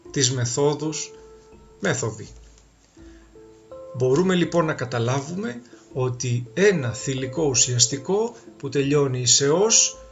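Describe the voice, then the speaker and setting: A man teaching a grammar lesson, explaining rules clearly and deliberately and listing word forms one by one. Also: on the high side, a bit bright, muffled recording.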